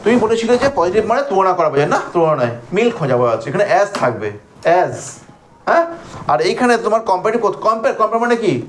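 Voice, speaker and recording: A high-pitched male teacher with a Bengali accent runs a grammar class. He calls students by name and asks them questions. He stretches words out to count their syllables, over a light background hiss. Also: sing-song, fast. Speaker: English teacher.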